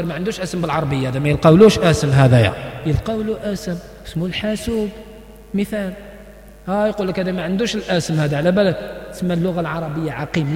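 High-pitched preacher in an echoing hall. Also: male voice, darkish tone. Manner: mixes classical Arabic and dialect, recites poetry slowly. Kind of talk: Friday sermon lesson.

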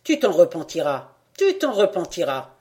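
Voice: mid-range voice, very animated, normal speed, darkish tone, close to an everyday voice. An audiobook reader voicing a greedy, scheming steward who mutters wheedling offers and threats. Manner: wheedling then menacing mutter.

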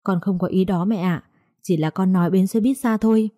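A woman's voice: medium pitch, a little fast, warm tone, dry recording, clean studio sound, natural voice. A woman reading aloud, voicing a young wife who pleads and resists. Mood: deferential. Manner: pleading, defiant. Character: frightened young wife pleading for her husband.

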